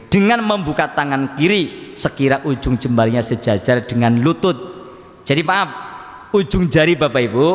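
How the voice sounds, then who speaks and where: A man's voice: a little high, a bit bright. A man giving a religious lesson at a mosque study group, chatty, often addressing the audience and mimicking regional pronunciations. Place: mosque hall. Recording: echoey mosque hall reverb.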